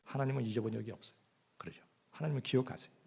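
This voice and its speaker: A man preaching a sermon as pastor, often asking the congregation rhetorical questions, swinging between loud emphasis and hushed asides. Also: medium pitch, rapid-fire, gravelly, breathy edge. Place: church.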